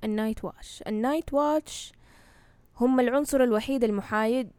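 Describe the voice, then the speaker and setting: A woman's voice: a little high, fast talker, darkish tone, clear, resonant tone, no room sound. A woman with a Hejazi Saudi accent, explaining things casually in Arabic sprinkled with English words and often checking that the listener follows. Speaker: knowledgeable guest explaining fantasy lore.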